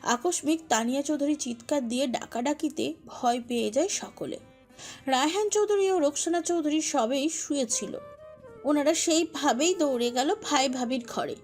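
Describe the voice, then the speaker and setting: Woman storyteller, high voice, emotive scripted narration over soft music. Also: normal speed. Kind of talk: dramatic scripted narration of a romantic audio story.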